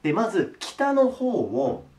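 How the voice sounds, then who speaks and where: A hoarse man with a sore throat, teaching a recorded geography lesson politely and slowly, checking in with his students as he goes. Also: high voice, huge pitch swings, darkish tone.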